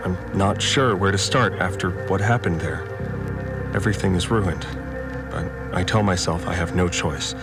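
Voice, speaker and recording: In a science fiction drama, a low-voiced farmer confides in an audio diary. Troubled, devout and obedient, he sounds guilty and anxious, halting and repeating words as he confesses. Music plays clearly beneath him.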